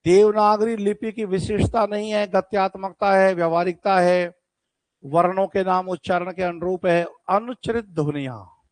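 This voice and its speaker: A man's voice: sits high, dry recording. A man teaching an online exam-prep class, talking straight to his students and stretching words for emphasis. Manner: lively, addresses students directly, drawn-out emphasis.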